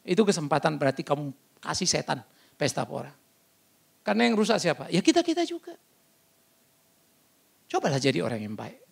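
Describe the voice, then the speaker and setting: A male pastor with a Batak Indonesian accent, preaching a sermon in a loud, blunt and animated storytelling way with sudden shouts. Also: fairly high pitch, fairly quick, vocal fry, long pauses, slightly rough. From North Sumatra, Batak. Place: church service.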